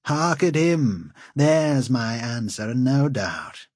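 Man voicing a lofty mocking swamp lord, raised pitch, pompous, husky, audiobook. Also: very animated, slow pace, a little mellow, no room sound, clean studio sound, heavily acted. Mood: haughty. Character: haughty nude noble lord hunting in swamps.

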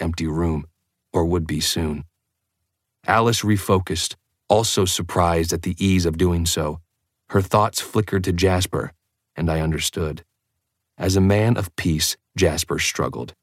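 A man with a very low voice narrating an audiobook in the first person. His delivery is measured and intense, and the recording is dry and close, with no room sound. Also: dry recording.

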